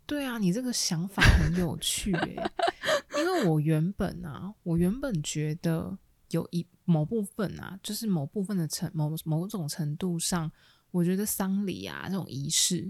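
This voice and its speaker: A woman's voice: on the low side, big pitch swings, moderate pace, darkish tone, dry recording, clean studio sound. A woman co-hosting a podcast, speaking thoughtfully in casual chat and searching for her words. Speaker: podcast co-host.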